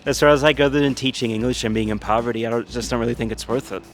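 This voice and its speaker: A man from Louisiana in the United States, answering interview questions frankly and in a measured way. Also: mid-range voice, fairly even intonation, soft background music.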